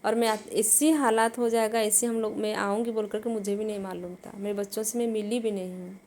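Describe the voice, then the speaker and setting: A woman telling a personal testimony in an earnest, halting way, with many restarts. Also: medium pitch, fairly even intonation, a little mellow, a little hiss or hum.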